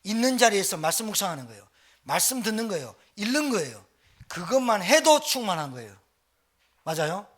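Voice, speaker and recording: A male pastor preaching a sermon in a church, talking fast with lively, exclamatory delivery. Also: sits high. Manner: fast-talking, admits speaking too quickly.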